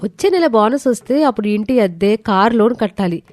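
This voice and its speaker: A woman voicing a sensible young wife who pleads with her husband, for an animated story. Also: a little high, fairly quick, no echo, natural voice. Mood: pleading. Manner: pleading, cautious.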